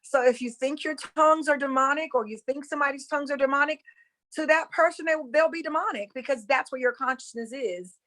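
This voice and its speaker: Speaking quickly in a high, slightly bright voice, this North Carolina woman with a Southern accent talks earnestly and casually about spirituality. She repeats phrases to drive her points home.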